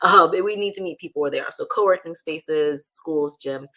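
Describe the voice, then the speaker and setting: A woman speaking as a guest in a casual interview, candid and animated, often using "like" as a filler. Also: deep voice, normal speed.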